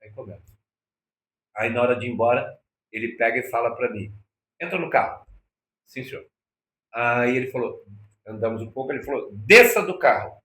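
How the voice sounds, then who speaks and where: A man's voice: medium pitch, fairly even intonation, fairly quick, long pauses, fairly bright tone. A man with a Brazilian accent telling a personal story as an interview guest, acting out quoted dialogue with shifting voices. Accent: Brazilian Portuguese. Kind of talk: anecdotal storytelling. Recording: echoey room.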